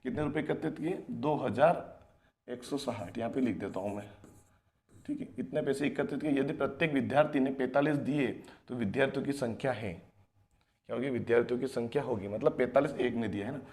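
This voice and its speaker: A man with a mid-range, slightly mellow voice talks a little fast as he teaches children a math lesson. He explains things step by step, often poses questions and answers them himself, calls his students children and repeats key phrases.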